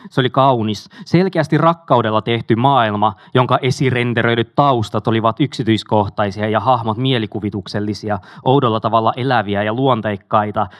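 A man's voice: medium pitch, dry recording. Man reading a memoir, dry close sound. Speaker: audiobook reader.

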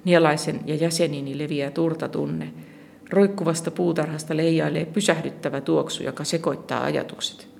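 Gravelly calm storybook narrator. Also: medium pitch, a little hiss or hum. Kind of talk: first-person audiobook narration.

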